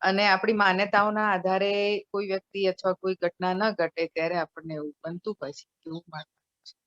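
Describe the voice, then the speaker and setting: A woman's voice: medium pitch, level tone, brisk, a bit bright, no echo. Woman answering on a dull call line. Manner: thoughtful, explaining at length. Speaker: session participant. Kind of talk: answering in a group discussion. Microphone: video call.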